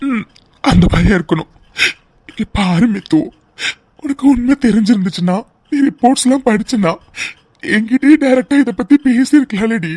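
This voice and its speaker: A woman voices a devoted young husband in a cartoon drama, speaking fairly high, tender and pleading, with tearful emotion. Her delivery is expressive at a normal speed, with a dark, slightly rough tone. The recording is close and fully dry, with no room sound at all.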